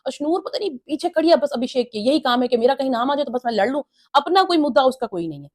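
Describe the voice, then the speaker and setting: A woman's voice: high voice, expressive, fast, a little mellow. A woman giving a casual, opinionated review of a reality show episode, retelling the housemates' quarrels and mimicking their lines.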